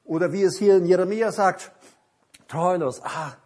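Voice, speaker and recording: A male preacher giving an evening sermon, swinging from loud, emphatic bursts to hushed asides and acting out quotes in different voices. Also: high-pitched, normal speed.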